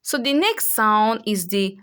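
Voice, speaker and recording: A woman's voice: mid-range voice, very animated, slow, a bit bright, clear, resonant tone. A woman teaching French vowel sounds in a pronunciation lesson, carefully repeating example words.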